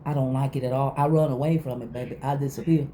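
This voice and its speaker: A woman's voice: a bass voice, steady tone, quick pace, warm tone. A middle-aged woman vlogger chatting casually and candidly to viewers, emphatic, repeating phrases and acting out quotes. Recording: faint background noise.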